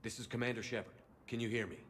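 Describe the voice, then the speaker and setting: An actor playing a steady, commanding military officer in a video game, speaking tersely and calmly. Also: male voice, mid-range voice, fast talker, slight background noise, natural voice. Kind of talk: game dialogue.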